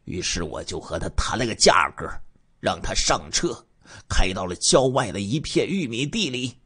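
A man telling a true-crime case in the first person as the killer, dramatic and emotional, dropping to hushes and rising to loud bursts. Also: lowish voice, expressive, normal speed, slightly rough.

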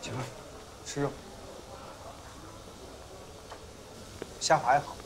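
A man's voice: medium pitch, steady tone, quick pace, very noisy, natural voice. An actor playing a contrite young husband who stammers out apologies and pleads with his crying wife. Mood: tender. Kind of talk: TV drama acting. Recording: drama scene under loud music.

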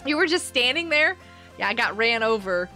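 A woman's voice: on the high side, very animated, normal speed, bright, forceful tone, faint music behind. A middle-aged woman hosting a game livestream over a headset mic, chatting and laughing as she greets viewers by name. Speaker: livestream host and homeschooling parent. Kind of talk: casual livestream chat while playing a game.

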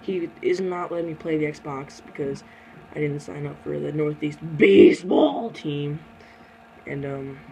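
A teenage boy hosting a casual question-and-answer chat, keeping things moving in a hurried way. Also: on the high side, vocal fry, noisy background. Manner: hurried, steering the talk along. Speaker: channel host.

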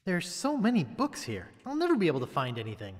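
Young male would-be pirate, video game hero: naive, easygoing, expressive, with echoing reverb. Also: on the high side, fast talker. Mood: bewildered. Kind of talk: video game character acting.

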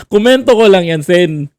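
A man's voice: high voice, a little mellow, dry recording. A man hosting a vlog, giving casual teasing commentary, laughing often and repeating himself. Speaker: vlogger host.

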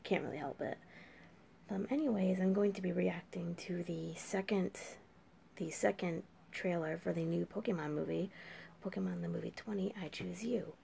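Her voice lowish, gravelly, and warm at normal speed, an eighteen-year-old woman with a sore, scratchy throat casually hosts a reaction video. She's in a small room late at night using a desk webcam, sounding puzzled as she exclaims questions.

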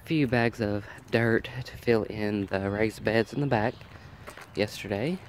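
A garden vlogger with a nasal voice congested by allergies films a walk through his backyard garden, chatting and thinking aloud. His voice sits on the low side and is a little slow, with slight background noise.

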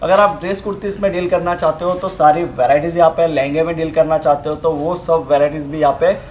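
A young man with a voice pitched slightly high explains saree fabrics and work. He talks in a steady sales pitch, pausing on fillers. The sound carries the echo of a shop room over a faint hum of background noise. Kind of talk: product demonstration. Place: fabric showroom, indoors.

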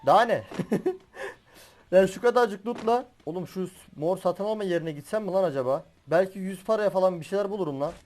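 A young man giving excitable commentary while he plays a battle royale game as a gaming YouTuber, swearing and laughing as he goes. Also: high-pitched, brisk. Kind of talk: live gameplay commentary.

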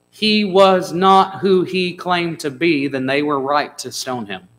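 Man preaching in a church, bright voice, conversational, asks the congregation questions. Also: a little high, rough recording. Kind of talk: sermon. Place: church sanctuary.

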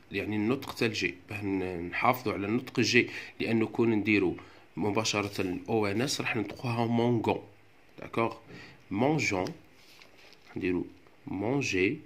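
Speaking in a fairly low, fairly bright voice, a man with an Algerian Arabic accent teaches French grammar. He explains patiently, one step at a time, and frequently asks "d'accord" to check understanding.

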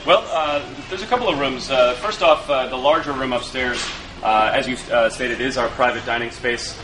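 A man in his thirties, a restaurant chef, giving a walkthrough interview with frequent uh pauses. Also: medium pitch. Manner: hesitant, many filler uhs. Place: restaurant wine cellar and dining rooms, indoors. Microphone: camera mic, handheld camera close by. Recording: echoey room, noisy background hum.

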